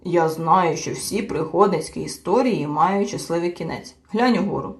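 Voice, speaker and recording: Woman doing a calm, steady wanderer creature. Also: fairly low pitch, moderate pace, close to an everyday voice. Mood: soothing. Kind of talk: audiobook character voice.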